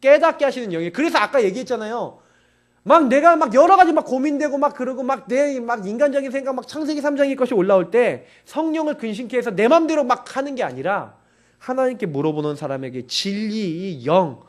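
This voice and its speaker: A man preaching a sermon, pressing his points home with repeated, urgent appeals to his listeners. His voice sits high for a man and rises and falls in wide, lively swings. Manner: emphatic, insistent, urging listeners repeatedly. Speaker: pastor.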